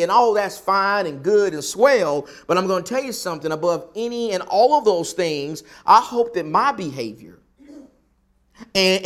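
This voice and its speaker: A man with a Southern US accent preaching a sermon, repeating phrases for emphasis with deliberate pauses. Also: high-pitched, a bit bright. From American South. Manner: rhetorical repetition with emphatic pauses.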